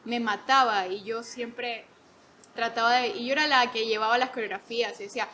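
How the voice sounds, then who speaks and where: A woman in her twenties, a podcast guest, telling stories in an animated way, laughing often and acting out quotes. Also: on the high side, fairly quick, slight background noise. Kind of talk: casual storytelling.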